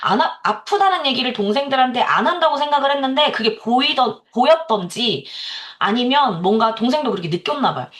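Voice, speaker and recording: A woman's voice: high-pitched, lively intonation, fairly quick, hardly any pauses, fairly bright tone. A woman in her thirties giving a lecture to salon owners, telling a personal story in a candid way and laughing often.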